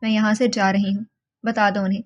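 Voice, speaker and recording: A woman's voice: mid-range voice, level tone, highs cut off, lightly acted. A woman voicing a stubborn, frightened young woman held captive, pleading and defiant by turns.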